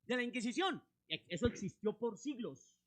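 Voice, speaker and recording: A man preaching a sermon, impassioned, swinging between loud emphatic peaks and quiet drops. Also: very high-pitched, big pitch swings. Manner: impassioned preaching, rising and dropping sharply, drawn-out emphasis.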